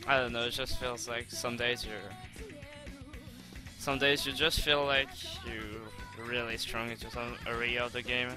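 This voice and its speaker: A young man commenting on his own gameplay replay, excitable and swearing, with lots of stumbling restarts, on a home desk mic. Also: mid-range voice, a little slow, over music. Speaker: gaming channel host.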